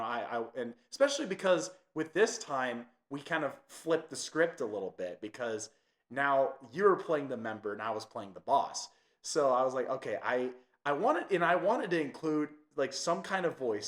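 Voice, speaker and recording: A man's voice: medium pitch, fairly bright tone. A young man hosting a podcast, chatting casually with lots of fillers. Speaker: podcast host. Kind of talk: casual chat.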